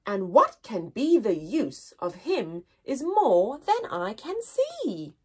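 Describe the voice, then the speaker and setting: Reading slowly to a group of young children, this teacher uses a fairly high, breathy voice. Her story-time delivery is sing-song and expressive, with wonder laid on thick.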